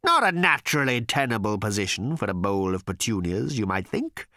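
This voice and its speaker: A man's voice: fairly low pitch, big pitch swings, sharp tone, no room sound, studio quality, exaggerated voice. Man voicing Agrajag, a snarling vengeful creature. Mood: menacing. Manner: snarling, hissing, slow and menacing. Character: bitter vengeful male creature, waddling, hateful. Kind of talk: audiobook character voice.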